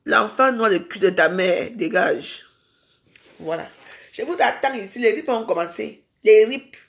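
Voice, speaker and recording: A woman's voice: medium pitch, unhurried. A woman ranting in a live social media video. She is confrontational and scolding and keeps firing rhetorical questions at her viewers.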